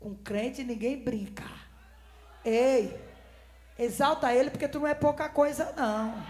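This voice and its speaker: A woman preaching a fervent Pentecostal sermon, swinging between shouting and hushed tones and breaking into speaking in tongues. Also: high voice, measured pace.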